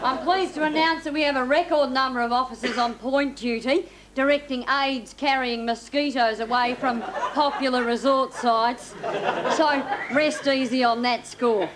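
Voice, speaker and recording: A woman's voice: high voice, steady tone, moderate pace, crowd noise, background noise, natural voice. A woman playing an officious police spokesperson giving a holiday safety briefing in a TV comedy sketch, with a studio audience laughing.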